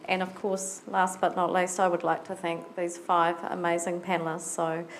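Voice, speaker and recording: A woman's voice: lowish voice, level tone, normal speed, slight background noise, low-quality recording. A woman moderating a live science panel, wrapping up and thanking the audience. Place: museum event hall with audience.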